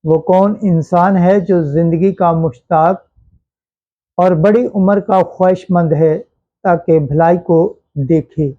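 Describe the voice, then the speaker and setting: A man giving a slow, solemn liturgical Bible reading as a scripture reader, with measured recitation. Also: high voice, fairly even intonation, narrow, tinny audio.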